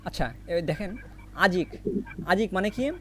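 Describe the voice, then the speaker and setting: A man's voice: sits high, normal speed, a bit bright, a little hiss or hum. A man teaching vocabulary, asking what each word means and answering it himself over and over. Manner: repetitive question-and-answer drilling. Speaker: Korean language teacher. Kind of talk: recorded vocabulary lesson with memory tricks.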